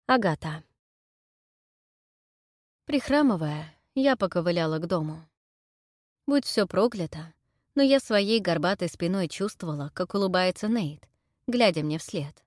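A woman narrating an audiobook in the first person with lively, expressive storytelling. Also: lowish voice, unhurried, pauses often, dry recording, clean studio sound.

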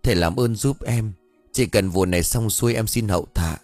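A man's voice: lowish voice, moderate pace, no echo, soft background music, lightly acted. A man voicing a polite, timid young woman from the city in a read-aloud story, barely changing his own voice. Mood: pleading. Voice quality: soft, polite, deferential.

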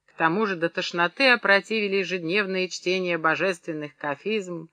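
A woman reading a novel aloud in an even, measured narration. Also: lowish voice, no echo. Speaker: audiobook narrator. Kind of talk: scripted narration.

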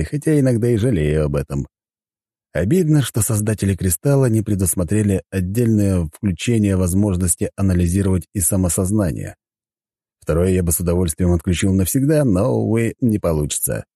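Wry, deep-voiced male audiobook narrator. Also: animated, moderate pace, dark tone, no room sound. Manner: wry, conversational. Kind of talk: scripted first-person narration.

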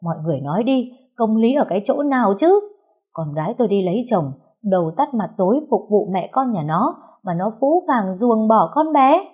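A woman voicing a shrill, outraged older mother-in-law who wails and shouts for the neighbors. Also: sing-song, moderate pace, breathy edge. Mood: wailing.

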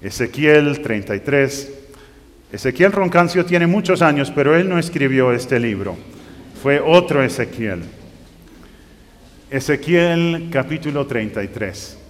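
A man's voice: fairly high pitch, expressive, measured pace, a little hiss or hum. A man preaching a sermon, reading scripture aloud and rising to emphatic bursts. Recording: long reverb of a hall.

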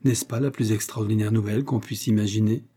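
A man's voice: fairly low pitch, steady tone, brisk, dark tone, slightly rough. A man voicing a shy, hopeful young woman confiding her love in a read-aloud novel, speaking eagerly.

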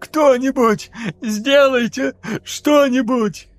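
A man's voice: high voice, normal speed, dry recording, faint music behind, pitched above the performer's own voice, lightly acted. A man voicing a cowardly young male officer, pleading and frantic. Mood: panicked.

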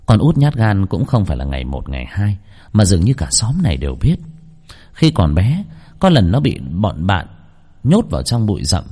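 A man narrating a ghost story in an expressive storytelling manner. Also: sits low, moderate pace, slightly rough.

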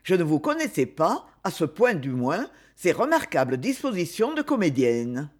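A man reading aloud and voicing a proud young duke who speaks with calm, dry irony, in a lively, varied voice. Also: on the high side, normal speed. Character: proud ironic young duke, aloof and grave.

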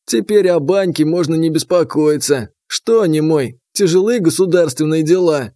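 A man's voice: fairly high pitch, moderate pace, mellow, dry recording, studio quality, natural voice. A man voicing a wry, teasing young friend in an audiobook.

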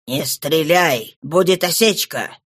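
A reader voicing a stern, calm male police inspector in an audiobook, commanding and measured. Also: medium pitch, breathy edge, no echo, clean studio sound, voice pushed down. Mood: cool. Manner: cool and commanding, slow and measured. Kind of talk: audiobook reading.

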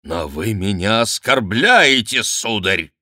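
A man reading an audiobook, voicing a furious, hot-tempered count who shouts and threatens. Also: medium pitch, very animated, slow pace, no echo, studio quality, voice pushed up, exaggerated voice. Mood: enraged.

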